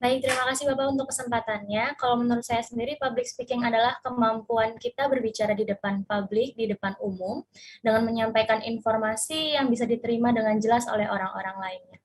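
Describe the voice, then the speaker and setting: Quick, breathy young woman answering. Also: on the high side, steady tone, rough recording. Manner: polite and formal. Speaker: pageant contestant. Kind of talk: answering a question in class. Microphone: video call.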